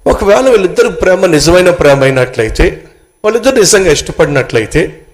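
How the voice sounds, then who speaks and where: A man's voice: high voice, brisk. A male pastor preaching a sermon, telling stories and questioning his congregation directly. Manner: animated storytelling, addressing the congregation directly.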